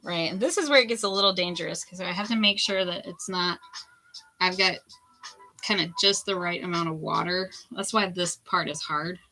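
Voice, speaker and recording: A hoarse woman in her forties, a potter chatting candidly while she throws clay at the wheel. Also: lowish voice, normal speed, sharp tone, soft background music. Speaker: potter streaming a throwing session. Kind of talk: casual chat while working. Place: pottery studio with lo-fi music on.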